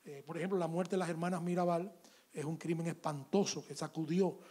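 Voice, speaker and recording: A man's voice: fairly high pitch, brisk, husky. A man with a Dominican Spanish accent, an author in an interview who tells a story and acts out both sides of the conversation. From Dominican Republic. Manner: animated anecdote, acts out dialogue.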